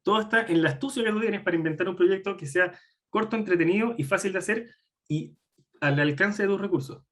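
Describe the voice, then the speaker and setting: A man's voice: high voice, brisk, a bit bright. A man, speaking as a guest lecturer who answers audience questions bluntly, with wry asides and many fillers. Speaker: guest lecturer on game development. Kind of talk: live online talk answering audience questions.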